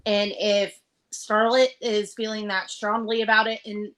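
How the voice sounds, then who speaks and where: A woman co-hosting a casual podcast chat, relaxed and speaking with lots of "like". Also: medium pitch, measured pace. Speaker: podcast co-host.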